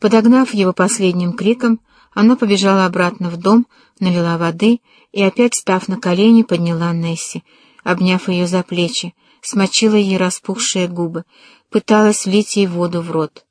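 A woman narrating an audiobook in a measured, dramatic storytelling manner. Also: fairly low pitch, fairly even intonation, a little mellow, no room sound.

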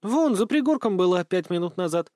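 Male reader as young wife: raised pitch, brisk, practical. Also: expressive, warm tone, no room sound, clean studio sound.

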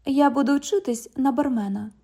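A woman's voice: sits high, moderate pace, warm tone. A woman reading an audiobook, voicing a sarcastic, mocking twenty-year-old woman who works as a bank cashier. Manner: mocking, cheeky, parrots the other speaker.

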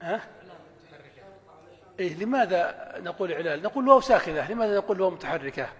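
A man teaching Arabic morphology in a lecture, asking questions and answering them himself, at times stretching words out slowly. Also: high voice, animated, a bit bright, long reverb tail.

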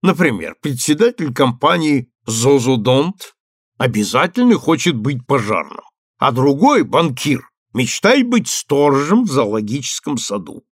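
A grey-browed old critic with a creaky, scratchy voice, as a male audiobook reader plays him, drawling his words with dry mockery. His delivery swoops up and down. The sound is close and dry. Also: medium pitch, sing-song, unhurried, dry recording. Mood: sardonic. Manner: mocking, drawling. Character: elderly male theatre critic, dry and sardonic.

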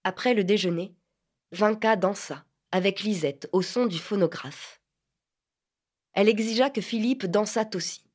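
A woman's voice: medium pitch, a little slow, darkish tone. Woman reading a novel aloud. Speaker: audiobook narrator. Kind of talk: literary audiobook reading.

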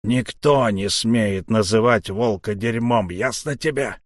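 A man voicing a brutal, drunken wolfish male boarder on a ship, talking slowly and menacingly. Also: fairly low pitch, dry recording, clean studio sound, natural voice. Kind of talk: audiobook character voice.

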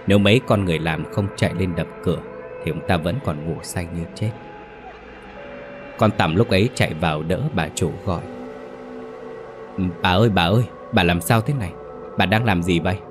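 A man narrating a scripted ghost story in a steady, dramatic reading. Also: sits low.

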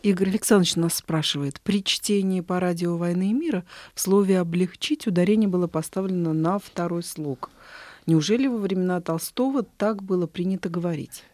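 Brisk female radio call-in host. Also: lowish voice, darkish tone, dry recording. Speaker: radio host taking calls. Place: radio studio.

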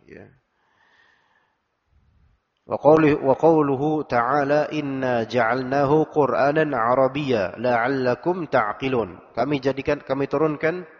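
A man giving a religious study lecture, explaining verses phrase by phrase casual colloquial asides. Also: medium pitch. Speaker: Islamic teacher. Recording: dull recording in a reverberant hall.

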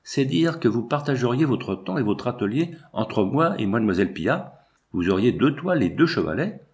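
A man's voice: mid-range voice, big pitch swings, normal speed, darkish tone, natural voice. A man reading the lines of a haughty, proud young woman in a storybook, with a dry, curt, ironic delivery.

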